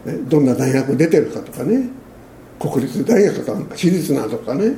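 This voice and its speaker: A man's voice: mid-range voice, big pitch swings, moderate pace, warm tone, reverberant, slight background noise. A man preaching a sermon as a pastor, in a conversational way, often ending phrases with tag questions.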